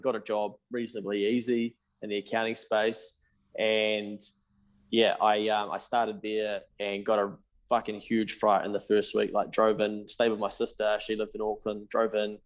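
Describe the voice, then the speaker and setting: A man in his thirties with a New Zealand accent talks as a podcast guest, his voice sitting a little low. He tells his story candidly and swears casually. He slips into the voices of people he talked to as he goes. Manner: candid, swears casually, acts out his own past dialogue. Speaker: podcast guest, accountant and business founder.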